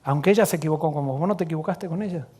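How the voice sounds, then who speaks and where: A middle-aged man with a Rioplatense Spanish accent, a pastor telling a story in a sermon in an earnest way, often dropping to soft, hushed tones. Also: on the high side, very fast, breathy edge.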